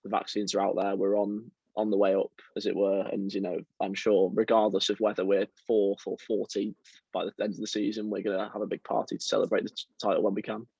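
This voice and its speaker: A young man from around Liverpool, chatting as a football writer guest in a relaxed, self-deprecating way with lots of fillers. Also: fairly low pitch, quick pace, vocal fry, husky, dry recording, lo-fi sound. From England, around Liverpool. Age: young adult. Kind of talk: casual interview chat.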